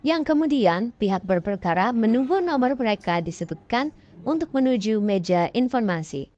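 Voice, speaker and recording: A woman's voice: on the high side, animated, moderate pace, mellow. A woman narrating a scripted explainer in the manner of a presenter with casual asides. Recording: dull, dry voice-over.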